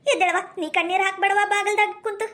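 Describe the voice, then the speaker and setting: A woman's voice: very high voice, fairly even intonation, quick pace, a bit bright. A woman playing a doting older village mother-in-law in a comedy skit, with a North Karnataka accent and a fondly scolding, coaxing way of talking. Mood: tender. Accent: North Karnataka Kannada.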